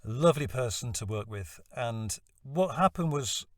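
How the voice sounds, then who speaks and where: A man's voice: mid-range voice, lively intonation, unhurried, no room sound, studio quality, distant mic. A man telling a personal story in a reflective, self-deprecating way. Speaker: voice-over hopeful vlogger.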